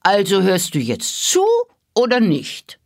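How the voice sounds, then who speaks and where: A woman voicing a patient old grandfather who speaks slowly and with a lowered voice. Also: very animated, darkish tone, no echo, clean studio sound, heavily acted. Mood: irritated. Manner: slow, measured, lowered voice. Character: patient old grandfather storyteller, easily irritated.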